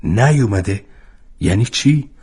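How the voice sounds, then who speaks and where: A man's voice: on the low side, lively intonation, a little mellow, slightly rough. A man voicing an anxious middle-aged father who keeps pressing with questions in a storybook reading. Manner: insistent, repeated questioning.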